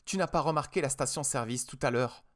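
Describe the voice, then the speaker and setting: A man voicing a frightened, insistent young wife in an audiobook, pleading and sharp. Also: medium pitch, fairly quick, pitched above the performer's own voice, natural voice. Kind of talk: audiobook character voice.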